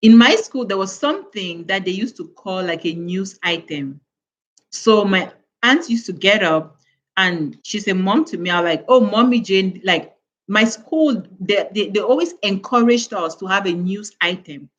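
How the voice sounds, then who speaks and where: A woman's voice: mid-range voice, animated, measured pace, a bit bright. A woman from West Africa giving an earnest motivational talk to mothers on a live stream, full of rhetorical questions. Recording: dull, lo-fi sound.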